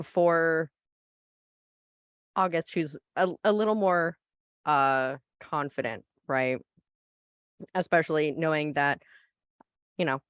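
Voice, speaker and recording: A player in a tabletop game, describing their character's feelings in a reflective, halting way. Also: medium pitch, a bit bright, clean tone, no room sound, clean studio sound.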